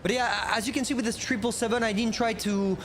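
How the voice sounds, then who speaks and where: This young gaming streamer from France speaks with a French accent, chatting casually with viewers, rambling and talking to himself as he plays. His voice is extremely high, fairly bright and steady in tone, he talks fast, and his noisy, glitchy mic cuts out.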